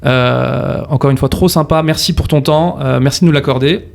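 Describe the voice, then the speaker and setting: Gravelly chatty male podcast host. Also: mid-range voice, moderate pace, a little mellow. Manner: chatty, filler-heavy, enthusiastic slang. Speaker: podcast host, mortgage broker. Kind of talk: casual podcast interview.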